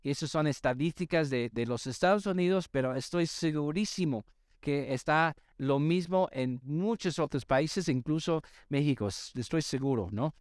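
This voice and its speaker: A man's voice: on the high side, normal speed, no echo, clean studio sound. A male pastor preaching a sermon to a live congregation, emphatic and repeatedly asking the audience to respond. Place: church service with live congregation.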